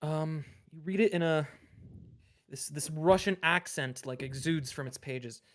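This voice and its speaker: A man's voice: a little high, unhurried, a bit bright. A man game master narrating a tabletop game, rambling with many fillers.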